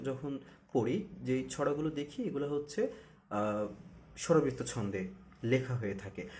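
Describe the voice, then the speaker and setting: A man in the middle of a spoken tutorial on poetic rhythm, his voice at an ordinary pitch. He explains patiently, pausing on fillers, and slows right down to sound out single syllables as he counts beats. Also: darkish tone. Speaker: recitation teacher.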